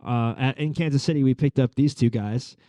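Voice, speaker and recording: A man's voice: mid-range voice, fairly quick, warm tone, no echo. A man in his thirties giving a conversational sermon as a pastor, telling a story with many fillers. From Long Island. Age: 30s.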